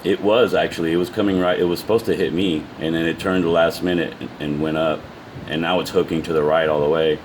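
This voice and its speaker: A man with a very low voice talks informally to his viewers without a script. He moves haltingly, restarting and repeating words as he explains. A faint steady noise sits behind his voice. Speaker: amateur video presenter. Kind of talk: casual unscripted explanation to viewers.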